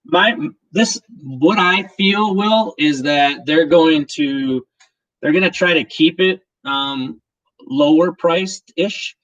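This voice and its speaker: A man's voice: fairly high pitch, slow pace, a bit bright, highs cut off. A man hosting a casual livestream, talking in a chatty, rambling way with many restarts. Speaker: livestream host. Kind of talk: casual chat.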